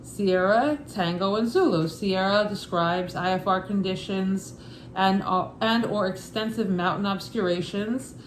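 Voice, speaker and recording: A woman with a Brooklyn accent reads study material aloud like an informal lesson. Her delivery is casual and matter-of-fact, at an average pitch. The room rings with echo, and there is faint noise in the background. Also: a little slow. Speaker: instructor reading a study guide.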